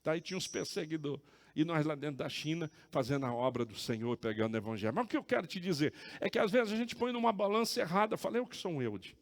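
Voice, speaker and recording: A man preaching as a pastor, telling a story with lively acted-out dialogue. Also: a little high, fast. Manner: animated, acts out dialogue in the story. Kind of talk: sermon with storytelling. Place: church. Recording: church hall reverb.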